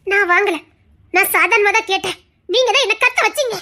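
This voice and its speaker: A woman voicing a hurt young wife in a Tamil audio drama, pleading and tearful, rising to shouts. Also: extremely high pitch, fairly quick. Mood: resentful. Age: young adult.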